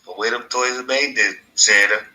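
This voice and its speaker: A man's voice: medium pitch, fairly even intonation, moderate pace, sharp tone. A man hosting his own podcast in a casual, rambling monologue, laughing at his own stories. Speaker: podcast host. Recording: echoey room.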